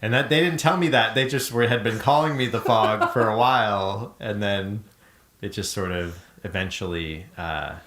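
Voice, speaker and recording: A man's voice: fairly low pitch, moderate pace, roomy sound. A man hosting a podcast, telling a story in casual chat, rambling with lots of fillers. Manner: relaxed, rambling storytelling with many fillers and laughs. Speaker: podcast host.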